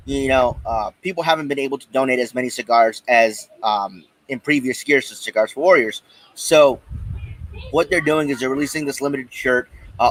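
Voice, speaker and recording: An American man hosts a casual live stream from outdoors, speaking straight to his viewers. His voice sits at an average male pitch, with no echo around it. He talks informally and loosely, rambling and hesitating as he goes. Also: fairly bright tone. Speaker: podcast host. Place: outdoors in a backyard.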